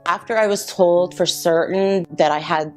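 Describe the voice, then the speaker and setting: A middle-aged woman telling her own cancer survival story, reflective and halting with many pauses. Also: fairly low pitch, steady tone. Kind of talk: personal testimony. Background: soft guitar music.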